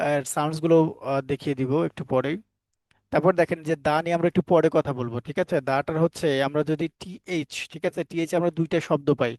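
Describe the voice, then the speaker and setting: A man's voice: fairly high pitch, a little mellow, no echo. A man teaching a phonics class, spelling words out sound by sound and putting questions to the learners before answering them himself. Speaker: English teacher. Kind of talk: phonics lesson for Bengali learners.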